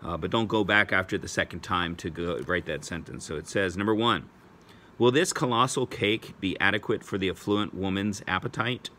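A male teacher dictating a spelling test slowly, saying each word twice. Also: low voice, pushed and bright, a little hiss or hum. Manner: slow, deliberate, repeats each word twice.

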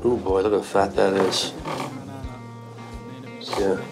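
Excited man at a gem deal. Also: deep voice, takes it slowly, music in the background. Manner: excited exclamations, repeats words. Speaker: gem hunter host. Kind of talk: casual chat while buying gems.

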